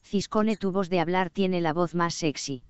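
A text-to-speech woman's voice reading out chat names and messages in a flat, even way. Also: lowish voice, unhurried, clean tone, no echo.

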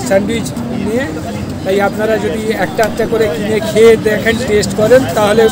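A middle-aged man, a street food vendor speaking through a face mask, earnestly and politely pitching his business to a vlogger. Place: busy city street outdoors. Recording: loud street crowd behind.

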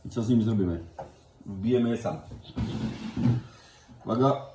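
A man's voice: lowish voice, moderate pace. A man with a Silesian accent, chatting in a folksy way as he gives a casual step-by-step cooking demonstration. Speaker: home cook hosting a cooking video. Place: indoor kitchen. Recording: echoey room with loud kitchen noise. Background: clattering dishes, cutlery and pans.

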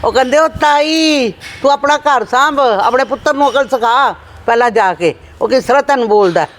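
A woman playing a mild relative in a family skit, calmly agreeing and recounting. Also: high-pitched, moderate pace, close to an everyday voice. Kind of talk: amateur family skit acting. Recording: faint background noise.

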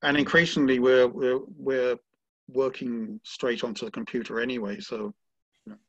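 A man who is a sailing judge, speaking haltingly with many restarts on an online panel call. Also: medium pitch, fairly even intonation, no echo. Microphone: video call. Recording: dull lo-fi video call audio.

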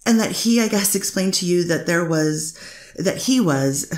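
Reading a court transcript in an amateur readers theater, a woman plays a persistent female defense attorney cross-examining a witness with frequent fillers. Her voice is lowish, a bit slow, and lively in intonation, with a roomy sound.

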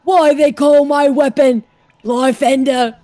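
A woman's voice: high-pitched, steady tone, warm tone, dry recording. A woman voicing a boastful, pompous male knight with a British accent, drawing out her threats. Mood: pompous, threatening. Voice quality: pompous, drawn-out delivery.

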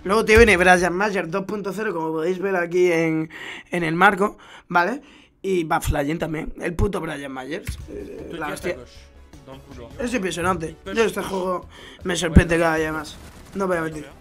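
A young man with a Spain Spanish accent commenting on gameplay videos, swinging from low mumbled asides to loud profane shouts. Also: fairly even intonation, moderate pace, faint music behind. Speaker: gaming YouTuber reacting to gameplay. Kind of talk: excited game commentary.

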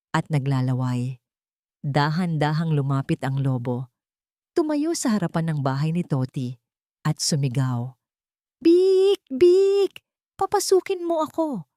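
A woman's voice: sits low, warm tone, no echo, clean studio sound. An older woman narrating a children's storybook tale in a lilting, grandmotherly way.

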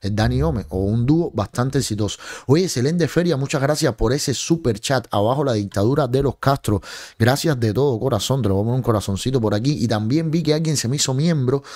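A man's voice: mid-range voice, a little fast, darkish tone. Sarcastic Cuban man streaming commentary. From Cuba. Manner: mocking, sarcastic, scolding. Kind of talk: livestream commentary. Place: home streaming room with colored lights. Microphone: large studio mic on a boom in front of face.

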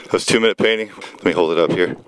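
A man hosting a timed painting challenge, out of breath and talking in a hurried, self-amused way. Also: low voice, fairly bright tone, slight background noise. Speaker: host.

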